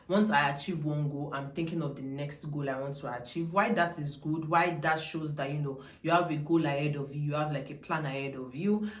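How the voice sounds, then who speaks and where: This vlogger is a young woman with a Nigerian accent and a low-pitched voice, captured with a roomy sound. Chatty and emphatic, she talks casually to camera, strays into digressions, and repeats herself for emphasis.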